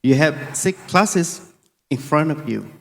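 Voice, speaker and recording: Measured male examiner in a reverberant hall. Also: a little high, lively intonation, vocal fry, a bit bright. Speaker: competition examiner. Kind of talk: formal task instructions.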